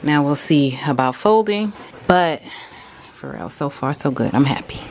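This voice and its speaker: A woman's voice: sits low, animated, measured pace, slight background noise. A young adult woman talking to viewers while she cleans her house, a bit out of breath. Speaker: cleaning vlogger. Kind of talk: casual cleaning vlog narration. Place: at home.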